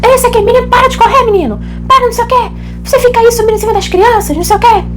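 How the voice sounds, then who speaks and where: A woman's voice: very high voice, animated, normal speed, faint music behind, pitched above the performer's own voice. A woman voicing an older woman who scolds shrilly and then gets flustered and defensive. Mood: scolding. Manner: yelling, flustered, backpedaling.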